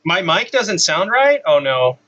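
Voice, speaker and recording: A man hosting a casual podcast, halting and full of fillers, heard through a tinny webcam mic that sounds like a tin can. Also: high voice, very animated, sharp tone. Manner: halting, with many fillers and repeats. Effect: tinny webcam mic, like talking into a tin can. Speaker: podcast host. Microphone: built-in webcam mic.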